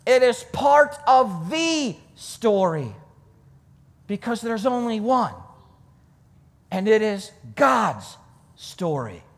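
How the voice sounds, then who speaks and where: Delivering a sermon with scripture readings, a man uses emphatic, deliberate phrasing and repetition for emphasis. His high voice swings widely in pitch and shows vocal fry, captured with long reverb.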